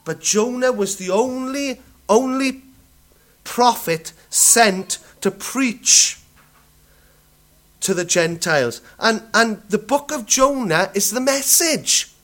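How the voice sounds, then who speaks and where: Slow-paced male preacher, repeats himself, leans on rhetorical questions. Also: very high-pitched, lively intonation, fairly bright tone. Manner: restarts and stumbles over words. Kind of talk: sermon.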